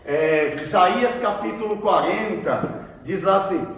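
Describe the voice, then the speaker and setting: In a classroom theology session, a Brazilian pastor with a Brazilian Portuguese accent questions his students about the Bible and often repeats their replies. His voice sits high with a fairly bright tone and an unhurried pace. The recording catches him from far off in a large echoey room of students, with faint noise.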